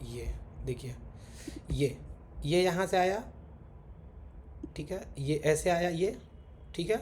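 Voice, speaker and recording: A man teaching chart reading, walking through examples step by step and saying "theek hai" again and again. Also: medium pitch. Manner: repeats "theek hai" constantly, talks while drawing on charts. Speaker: trading teacher. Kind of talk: casual screen-share chart lesson. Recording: faint background noise.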